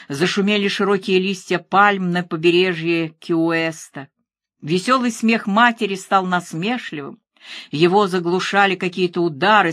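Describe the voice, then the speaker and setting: A woman narrating a thriller audiobook in a measured, even reading. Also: medium pitch, dry recording, clean studio sound.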